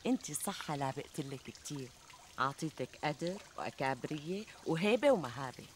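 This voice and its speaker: Casting: chatty, coaxing Syrian best friend, TV comedy, quick emphatic delivery, faint outdoor noise. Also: female voice, low voice, animated. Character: flattering, reassuring, chatty woman friend. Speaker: actress in a TV comedy drama. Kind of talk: conversational TV comedy sketch acting. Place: outdoors in a garden. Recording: outdoor ambience, trickling water noise.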